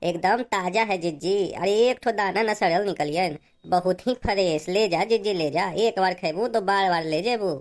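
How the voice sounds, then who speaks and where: A woman's voice: fairly low pitch, moderate pace, few pauses, darkish tone, close to an everyday voice. Cartoon: woman voices a pushy bald male fruit seller with an Awadhi accent who coaxes buyers in a sing-song way. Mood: coaxing. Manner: sing-song hawking, coaxing. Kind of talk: cartoon voice acting.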